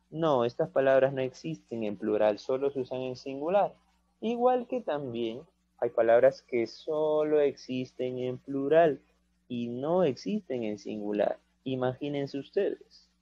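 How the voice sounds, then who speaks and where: A man's voice: medium pitch, dark tone, dry recording. A male primary school teacher explains a grammar lesson patiently, checking in with his pupils through frequent short questions. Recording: dull, muffled dry recording.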